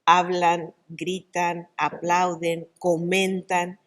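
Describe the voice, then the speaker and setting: A middle-aged woman, an actress and oral storyteller, talking in an interview in an animated, expressive way. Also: fairly low pitch, drawn-out words. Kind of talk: conversational interview.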